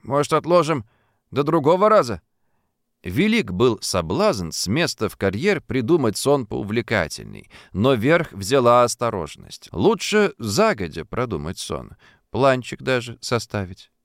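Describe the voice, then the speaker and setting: A man narrating an audiobook in an expressive literary style. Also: medium pitch, a little slow, no echo, clean studio sound. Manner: vivid, storytelling delivery.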